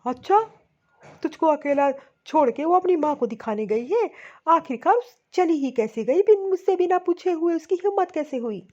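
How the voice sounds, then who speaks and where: A woman's voice: on the high side, expressive, fairly quick, a little mellow. A woman voicing a short-tempered young husband in a cartoon story, harsh and scolding. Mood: angry. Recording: dull lo-fi audio.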